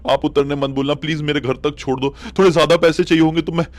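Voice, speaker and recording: A man's voice: fairly high pitch, fairly even intonation, fast talker, no room sound, close to an everyday voice. A man voicing a scared teenage boy in a storybook horror tale, talking in a pleading, defensive way.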